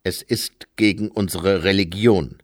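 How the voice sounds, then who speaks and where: A man reading aloud and voicing a cold, suspicious official with a sharp, clipped, slow and literal way of speaking. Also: sits low, steady tone, no room sound, clean studio sound. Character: cold, suspicious gray-suited male official.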